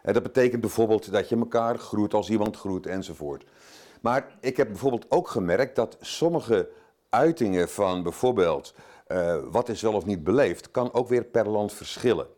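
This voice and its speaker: Older male guest preacher, somewhat low voice, informal and self-joking from the pulpit. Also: lively intonation, moderate pace, dark tone. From Zeeland, Netherlands. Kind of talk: sermon.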